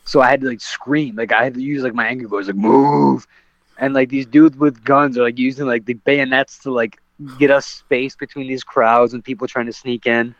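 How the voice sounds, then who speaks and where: A man's voice: medium pitch, level tone, brisk, a bit bright, no echo. A man, a professional fighter, telling a story on a podcast in a casual, rambling way with lots of fillers and restarts. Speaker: guest, professional MMA fighter. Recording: dull lo-fi, dry sound.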